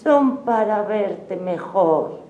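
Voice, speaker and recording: A woman voicing a sly, hungry male wolf in a storybook reading, stretching each word slowly. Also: medium pitch, animated, dark tone, reverberant, highs cut off.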